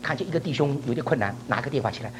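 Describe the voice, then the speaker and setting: A man's voice: medium pitch, animated, racing, background noise. An older man from China preaching a sermon, laughing often and mixing English words into his talk.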